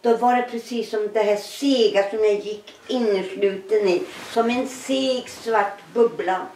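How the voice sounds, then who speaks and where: A middle-aged woman giving a personal testimony in an interview, telling her story with animated, laughing re-enactments of dialogue. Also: medium pitch, reverberant, distant mic, a little hiss or hum, low-quality recording.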